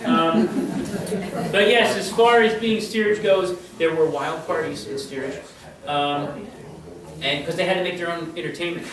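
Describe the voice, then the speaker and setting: A man's voice: a little high, unhurried, crowd noise. A man giving a live history presentation to an audience, chatty and constantly checking in with his listeners. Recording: echoey room, voice from far off.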